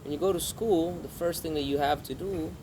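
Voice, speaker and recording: A man with a creaky voice, chatting casually as a podcast co-host. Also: on the high side, brisk. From Philippines. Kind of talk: casual conversational interview. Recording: clear background vehicle-like noise.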